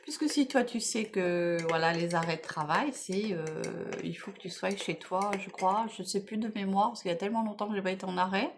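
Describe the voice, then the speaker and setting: This one is brisk, medium-pitched and almost pause-free, with a noisy background. At home in the morning, a middle-aged beauty vlogger chats her way through her makeup, weary and rambling, losing the thread and picking it up again while sprinkling in "voilà" and "bon, bref".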